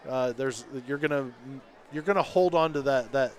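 A man calling high school football play-by-play on local radio, building to shouts on big plays and reading sponsor spots. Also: moderate pace. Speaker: play-by-play announcer.

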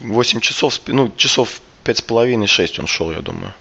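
Male podcast host, lowish gravelly voice roughened by a cold, halting casual talk, muffled recording. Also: lively intonation, bright, forceful tone. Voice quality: gravelly, hoarse voice with throat clearing. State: hoarse from a cold. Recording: dull, lo-fi sound.

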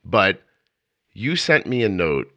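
Deep-voiced, rambling man, bright tone. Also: sing-song, takes it slowly, no echo, dull audio. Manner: rambling, self-interrupting storyteller. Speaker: podcast host. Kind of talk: casual interview chat.

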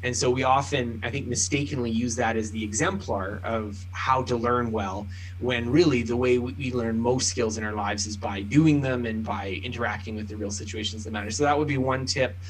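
In explanatory interview talk, a male author guesting on a podcast works through ideas carefully and illustrates them with many examples. He speaks at medium pitch and a moderate pace with few pauses; the low-quality recording carries slight background noise.

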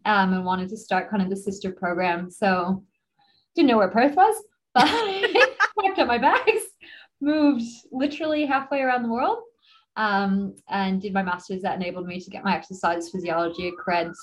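A woman's voice: medium pitch, lively intonation, moderate pace, poor audio. Chatty American woman with frequent laughs. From United States. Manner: chatty, laughs often, many fillers. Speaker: guest, exercise physiologist. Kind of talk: casual interview chat.

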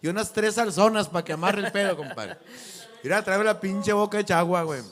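A man with a Mexican Spanish accent hosting a casual bar chat, loud and joking with heavy slang. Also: high-pitched, fairly quick. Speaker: podcast host.

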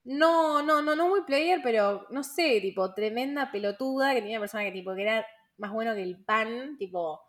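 A woman's voice: fairly high pitch, moderate pace, fairly bright tone. A young woman with a Rioplatense Spanish accent, hosting a casual podcast chat, slangy and full of fillers and laughing asides. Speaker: podcast host.

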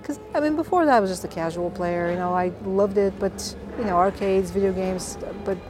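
There's background noise as a Bulgarian woman, a composer of game music, gives casual interview answers in a brisk, medium-pitched voice. Passionate and animated, she tells her story with frequent fillers.

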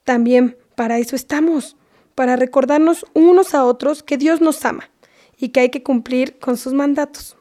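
Half-whispering as she scolds and lectures her daughter, a woman portrays a loving Mexican-accented mother for a comedy sketch. She speaks at a moderate pace in a high, natural voice with a dark tone.

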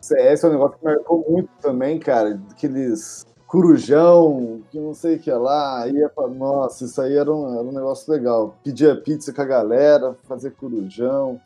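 A young man with a Brazilian Portuguese accent and a husky voice, chatting casually in slang. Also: mid-range voice, moderate pace, hardly any pauses, warm tone, soft background music. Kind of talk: casual chat.

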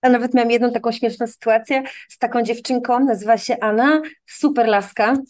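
High-pitched female teacher guest, animated anecdote teller, chatty, acts out dialogue. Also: brisk. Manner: animated anecdotes, acts out quoted exchanges, frequent tag questions. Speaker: English teacher for children, guest. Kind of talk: casual storytelling in an interview.

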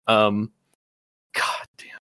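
A man's voice: drawn-out words, bright, forceful tone, dry recording, clean studio sound. A man co-hosting a casual gaming podcast, rambling with lots of filler words and leading the talk with questions. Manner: rambling, heavy use of "like" and "uh"; leads the discussion with questions. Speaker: podcast co-host. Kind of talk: casual chat.

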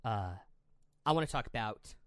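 A man co-hosting a casual podcast chat, animated, often repeating words as he thinks. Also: on the low side, moderate pace, no echo. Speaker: podcast co-host.

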